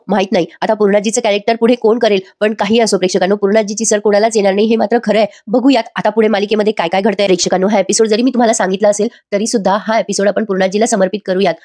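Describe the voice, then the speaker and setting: A woman retells a TV serial episode at a quick clip, chatting directly with her viewers and reading out the characters' lines herself. Her delivery is brisk, like talking to friends. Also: mid-range voice, warm tone.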